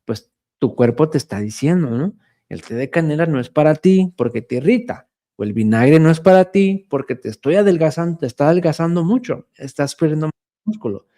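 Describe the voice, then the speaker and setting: A man's voice: a little high, lively intonation, brisk, warm tone. A man who works in diabetes care, explaining conversationally in a livestream and often checking in with "¿no?". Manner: explanatory, conversational, asks listeners "¿no?". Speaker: diabetes health educator. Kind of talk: livestream talk.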